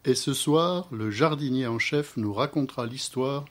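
A man voicing a gentle father who patiently explains things to his son, in a storybook reading. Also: medium pitch, normal speed, voice pushed up, close to an everyday voice.

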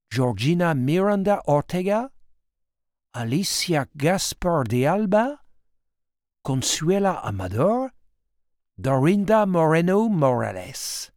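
A storyteller with a French accent who narrates slowly and deliberately, leaving dramatic pauses between phrases. The pitch moves about expressively. The sound is close and dry. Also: a little mellow, no echo.

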